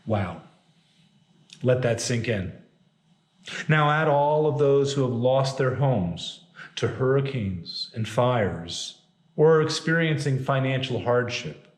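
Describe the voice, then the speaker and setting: A man delivers a reflective sermon in an unhurried, measured way. His voice sits at an ordinary pitch. The room around him adds a noticeable echo. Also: animated. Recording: roomy echo.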